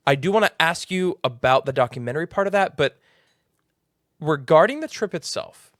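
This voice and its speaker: A man's voice: a little high, normal speed, no echo, studio quality. A man hosting a podcast interview, enthusiastic and effusive in his praise. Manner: enthusiastic and effusive, animated emphasis. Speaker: podcast host. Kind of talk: faith-based podcast interview.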